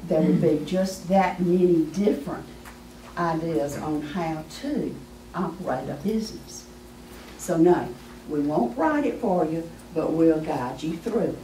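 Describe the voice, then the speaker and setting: A woman presenting to an audience as a small business adviser, folksy and emphatic, her voice hoarse as she keeps clearing her throat. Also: sits low, warm tone, a little hiss or hum. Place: meeting room with an audience. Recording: echoey room from far off.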